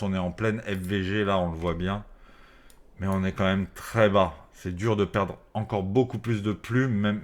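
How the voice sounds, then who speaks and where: A man speaking through a face mask, giving casual, off-the-cuff market commentary to his viewers in informal, slangy language with some swearing. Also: fairly low pitch. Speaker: crypto trading video host.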